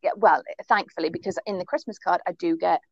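A woman's voice: on the low side, fast talker, no room sound. A woman co-hosting a podcast in casual chat, talking with emphatic, laughing energy. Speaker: podcast co-host. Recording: dull, dry sound.

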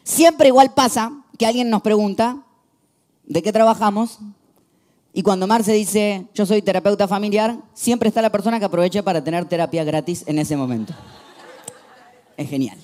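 A young man with a Rioplatense Spanish accent preaching a sermon, telling stories with lively shifts from hushed to emphatic. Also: sits high, normal speed. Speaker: pastor.

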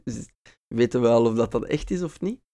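A man's voice: medium pitch, animated, a little fast, warm tone. Flemish male host, eager, stammering questions, casual chat. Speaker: podcast host.

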